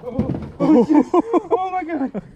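A young man fishing from a small boat on a pond, talking casually and exclaiming excitedly over the fish he catches, recorded on a head-mounted action camera. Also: very high voice, slow, highs cut off. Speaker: fishing vlogger. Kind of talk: casual outdoor chat while fishing. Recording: noisy outdoor action-camera audio.

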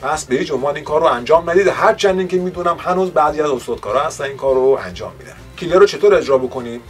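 Man patiently explaining woodworking. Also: on the high side. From Iran. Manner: polite, patient explaining with formal courtesy phrases. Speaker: woodworking channel host. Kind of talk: instructional voice-over.

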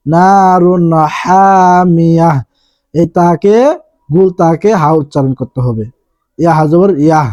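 Man, Bangladeshi Bengali accent, Quran teacher, slightly high voice, dry close sound. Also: dark tone, no echo. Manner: slow, drawn-out recitation between quick explanations. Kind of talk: spelling out Quranic recitation letter by letter.

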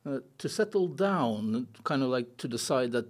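A middle-aged man from Norway talks as a podcast guest in an easygoing, mid-range voice. He speaks calmly with dry humor and pauses often to hesitate. He is recorded close on a desk boom mic in a studio. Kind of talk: casual interview chat. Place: studio set with blue walls and a wooden table. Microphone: desk podcast mic on boom arm.

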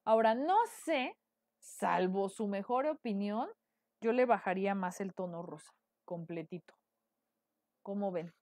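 A woman's voice: mid-range voice, a little slow, a little mellow, no echo, studio quality. A woman with a Mexican accent, a decorative painting teacher, chatting through a live painting tutorial and checking in with her viewers often. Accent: Mexican Spanish.

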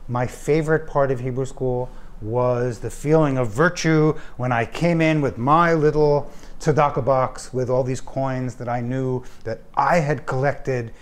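A man's voice: mid-range voice, fairly even intonation, a little slow. A man in a documentary interview, fondly recalling a memory in a reflective manner.

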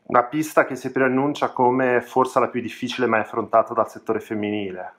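A man, the off-camera interviewer, putting brisk, leading questions to a guest. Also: mid-range voice, steady tone, fairly bright tone.

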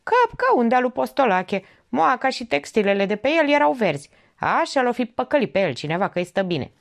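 A woman's voice: on the high side, sing-song, vocal fry, voice pushed up. A woman voicing a sardonic male veterinarian who mocks everyone around him, reading him in an audiobook. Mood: scornful. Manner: mocking, scathing outbursts.

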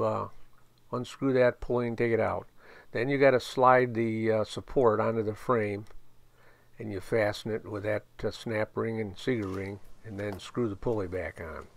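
An older American man hosts a video on machine assembly, narrating the how-to plainly and hesitantly with many fillers. His voice is lowish with vocal fry, recorded outdoors against steady background noise.

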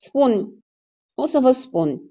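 A woman's voice: high voice, sing-song, mellow, voice pushed up. A woman reading the part of a cornered male dentist under arrest, tense and protesting, in a dull lo-fi recording. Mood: broken.

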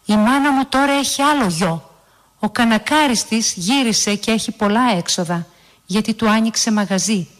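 A woman's voice: fairly high pitch, natural voice. A woman voicing a hurt, bitter middle-aged father in a storybook reading. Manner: bitter, wounded.

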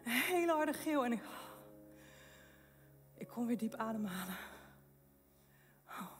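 High-voiced woman testifying in an echoing hall. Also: lively intonation, moderate pace, faint music behind. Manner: impassioned, rising to fervent proclamations; laughs and breaks off mid-phrase while telling her story. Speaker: speaker giving a testimony at a faith event. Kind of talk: emotional stage testimony with preaching. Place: event hall with long reverb. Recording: long echo of a large hall.

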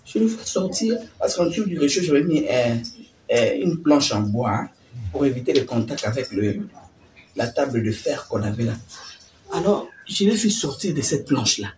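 An older woman telling a personal faith story in an animated way, dropping to whispers and laughing as she talks. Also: extremely low pitch, normal speed, distant mic, faint music behind. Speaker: testimony speaker.

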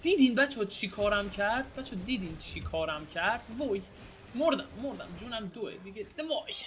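A young man giving excitable, casual commentary while playing a video game, shouting and groaning at the action. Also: sits high, slight background noise. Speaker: gameplay streamer. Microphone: home mic with some noise.

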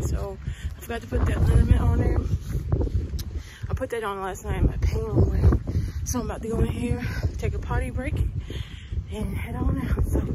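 Breathless woman vlogging on a windy walk. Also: on the high side. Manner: upbeat, motivational, talks while walking. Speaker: fitness vlogger. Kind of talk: casual walking vlog. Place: outdoors on a cold windy street, later in a car. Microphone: phone at arm's length. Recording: noisy outdoor phone recording.

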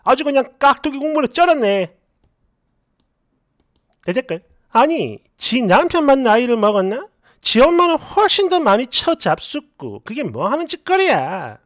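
A woman with a high, bouncy voice reads a submitted story and its comments aloud. She is chatty and animated, sliding into mockery on the comments. The sound is dry and close. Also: moderate pace, no room sound. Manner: animated, chatty, mocking when reading comments. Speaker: story narrator.

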